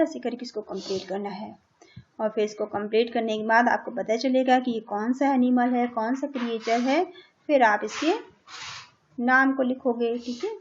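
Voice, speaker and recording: A woman teacher with a high voice works through a lesson for young children. She says each word again and again, spells it out letter by letter, and keeps putting questions to the class. The sound is slightly dull and lo-fi. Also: a little hiss or hum. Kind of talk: online class lesson in Hindi and English.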